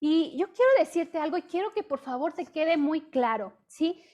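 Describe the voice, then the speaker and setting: A high-pitched, middle-aged woman with a Mexican accent preaches to a women's group in a relaxed, conversational way. She keeps pulling her listeners in with quick questions as she talks, and she acts out her own past complaints as little bits of dialogue. She is heard over a video call. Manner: chatty, peppers talk with rhetorical questions. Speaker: women's ministry speaker. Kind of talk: conversational testimony sermon.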